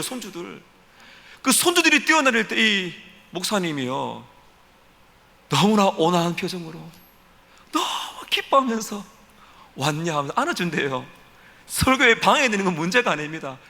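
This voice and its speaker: A man's voice: sits high, bright, forceful tone, long reverb tail. A man preaching a sermon as a pastor, earnestly acting out prayers as he speaks.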